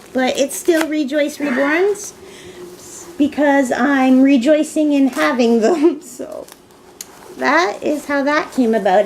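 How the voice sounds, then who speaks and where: Slow-talking woman in her thirties. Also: sits high, a little mellow, a little hiss or hum, low-quality recording. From Canada. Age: 30s. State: tired. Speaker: vlogger answering a tag. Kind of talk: casual chat.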